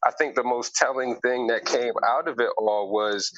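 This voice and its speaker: On a basketball podcast panel, a man argues his point emphatically in casual sports talk, leaning on rhetorical questions. His mid-range voice is a bit bright and moves at a moderate pace. The lo-fi audio is noisy and has clicks.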